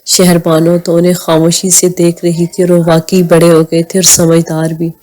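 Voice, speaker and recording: A woman narrating an audio novel in a calm, measured way. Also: on the low side, rough recording. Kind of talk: scripted narration.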